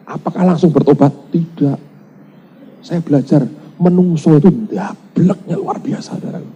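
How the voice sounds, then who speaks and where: A male pastor, preaching a lively sermon and acting out the voices of people in his stories. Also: a little high, normal speed, breathy edge, dull audio. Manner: lively storytelling preaching, acts out dialogue, mixes in Javanese phrases.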